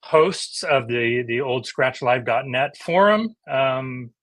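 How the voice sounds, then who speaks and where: Middle-aged male host, excitable and halting, mid pitch, dry recording. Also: dry recording. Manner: enthusiastic, halting with many restarts. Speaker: host of a DJ livestream. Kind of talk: casual livestream chat.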